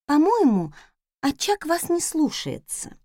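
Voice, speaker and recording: A woman voicing a timid, excitable young maid with a breathless, eager manner. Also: high voice, slow pace, no room sound, clean studio sound, pitched above the performer's own voice, full character voice. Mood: excited.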